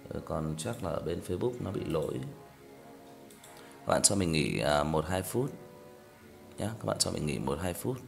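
Deep gravelly man chatting on a livestream. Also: lively intonation, normal speed, long pauses, soft background music. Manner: rambling and repetitive, talks straight to listeners. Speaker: story reader on a livestream. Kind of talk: casual livestream chat.

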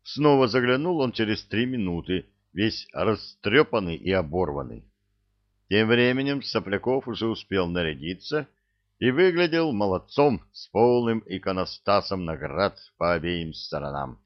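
A man reading a comic army story aloud as narrator, in a deadpan storytelling manner. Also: on the low side, moderate pace. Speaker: audiobook reader. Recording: dull dry recording.

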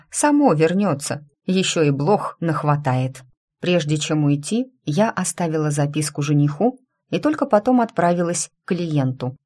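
A woman narrating a first-person story in a steady, unhurried reading voice. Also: low voice. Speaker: audiobook narrator.

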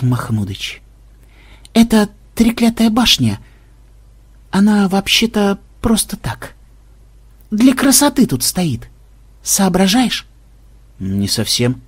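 A narrator voicing an excitable, paranoid young male programmer who speaks in a high, jumpy, husky voice. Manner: shrill, jumpy, laughing fits.

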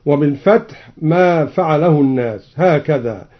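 A man from Egypt explains variant readings of scripture in a measured, precise way and chants each example slowly, heard on an old radio recording. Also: fairly high pitch, lively intonation, highs cut off. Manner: measured, precise, switching between plain explanation and slow chanting. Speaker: Quran reciter and teacher.

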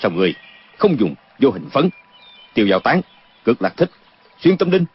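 A man voices a commanding warrior hero in a martial-arts audiobook. He speaks low and firm, with lively swings of pitch. The recording is dull and lo-fi, with a faint hiss. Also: a little fast, husky. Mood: stern. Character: stern heroic male warrior in his prime.

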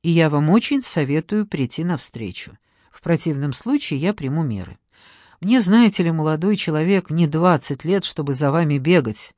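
A woman's voice: low-pitched, expressive, moderate pace, darkish tone, no echo, clean studio sound. A woman reading an audiobook, voicing a stern middle-aged woman who talks in an indignant, curt, commanding way.

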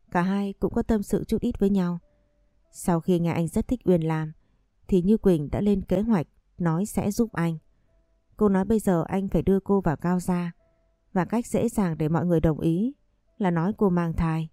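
Low, mellow woman storyteller. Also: dry recording, studio quality. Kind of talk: scripted story narration.

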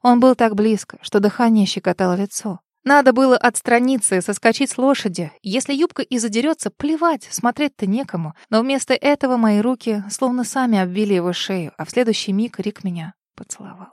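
A woman narrating a first-person romance novel as an audiobook, intimate and expressive, sometimes dropping to breathy whispers. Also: a little high, fairly quick, hardly any pauses, no room sound, clean studio sound.

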